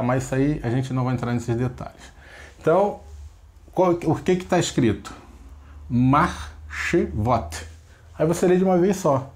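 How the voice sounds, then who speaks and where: A man's voice: mid-range voice, darkish tone. A man teaching a class at a board, patiently checking in with the students after each step. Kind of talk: classroom lesson at a whiteboard.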